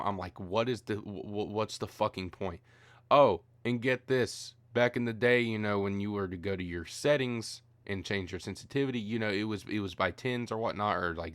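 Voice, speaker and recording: Profane, ranting man with a low voice. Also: a bit bright, dry recording. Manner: profane, exasperated, rambling. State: tired. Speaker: gaming commentator. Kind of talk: ranting video commentary.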